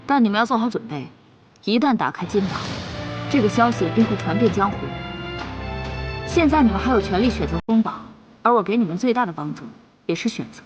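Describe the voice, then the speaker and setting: An actress playing the sharp, self-assured female head of an information network, briefing others. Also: mid-range voice, expressive, brisk, long pauses, faint music behind, lightly acted. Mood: confident. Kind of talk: period drama acting.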